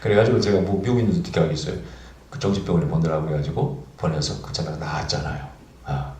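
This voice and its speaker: A man preaching as pastor, telling a story with lively acted-out dialogue. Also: very deep voice, quick pace, reverberant, slight background noise. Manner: animated, acts out dialogue in the story. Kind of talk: storytelling sermon.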